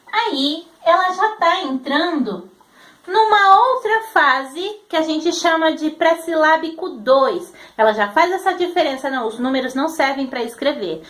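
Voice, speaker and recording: A woman, teaching patiently and sounding out syllables slowly as she explains. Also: sits high. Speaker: literacy teacher. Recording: roomy echo.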